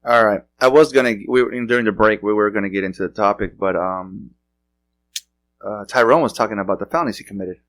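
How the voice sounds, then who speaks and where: A middle-aged podcast host chats loosely, rambling through stories with frequent restarts and laughs. His voice is lowish and fairly bright, and he talks at a quick pace.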